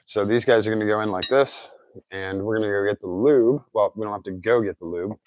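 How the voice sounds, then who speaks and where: A man's voice: lowish voice, brisk. A man giving a casual hands-on repair tutorial, thinking aloud as he works, his articulation slightly off after recent oral surgery. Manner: informal, thinking aloud while working. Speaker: DIY car repair presenter.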